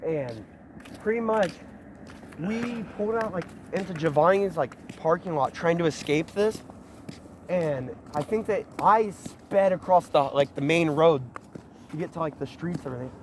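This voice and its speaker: A man casually telling a scary story to friends while walking outdoors through a neighborhood, rambling and animated. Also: on the high side, moderate pace, slight background noise.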